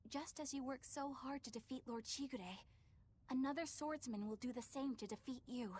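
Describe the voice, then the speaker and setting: A woman's voice: sits high, normal speed, a little mellow, a little hiss or hum, lightly acted. A woman voicing an earnest young exorcist.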